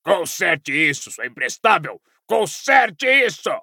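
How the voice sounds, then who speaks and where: A man voicing a coarse, hostile old father in an audiobook, snarling and mocking in slow, menacing speech. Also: mid-range voice, expressive, vocal fry, sharp tone, breathy edge, dry recording, studio quality, full character voice. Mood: furious.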